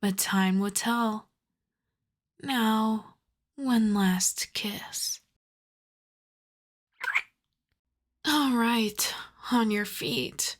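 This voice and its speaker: This intimate ASMR roleplay features a woman as a seductive vampire countess, her fairly high voice unhurried to the point of drawing words out very slowly. Teasing, hungry and possessive, she moves between soft speech and half-whisper, giving orders dressed in terms of endearment over an undertone of playful menace.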